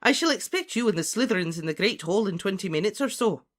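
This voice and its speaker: An audiobook narrator voicing a stern, commanding woman professor of witchcraft, crisp and imperious, in a storybook reading. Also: mid-range voice, animated, fast, pitched above the performer's own voice, close to an everyday voice. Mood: stern, resolute.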